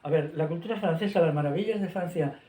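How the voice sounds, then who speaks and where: A man lectures on history in a loose, discursive way and keeps checking in with his listeners. His voice is mellow and dark, sitting slightly high. The room is echoey, with a faint hum of ambience behind him. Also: fast. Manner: discursive, frequent tag questions. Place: lecture hall at a school.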